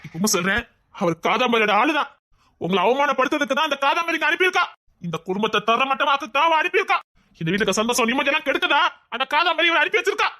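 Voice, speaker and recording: A woman doing a bitter grown son, fast talking, bright voice, begs and accuses. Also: high voice, lively intonation. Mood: accusing. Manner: pleading, accusing. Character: angry, hurt grown son, bitter toward his father. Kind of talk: dubbed serial drama.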